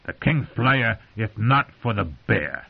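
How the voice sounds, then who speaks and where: A man's voice: lowish voice, very animated, slow pace, vocal fry, breathy edge, full character voice. A man putting on a lisping, slobbery mercenary captain. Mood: possessive. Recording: dull lo-fi audio.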